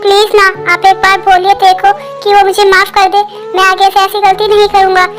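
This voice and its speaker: A woman's voice: very high voice, completely flat delivery, brisk, a bit bright, pitched above the performer's own voice. A woman voicing an anxious, remorseful young husband in a fan dub, pleading and stammering, with faint music behind.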